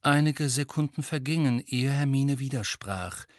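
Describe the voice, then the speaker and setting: Calm male audiobook narrator. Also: medium pitch, normal speed, dry recording, studio quality.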